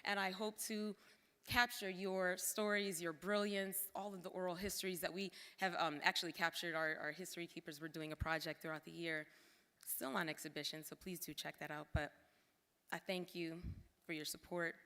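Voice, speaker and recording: In a large hall at a formal gala, long reverb trailing her words, a former cultural center director gives a heartfelt thank-you with relaxed asides to the audience. She speaks at normal speed in a fairly low, steady voice that sounds pushed and bright.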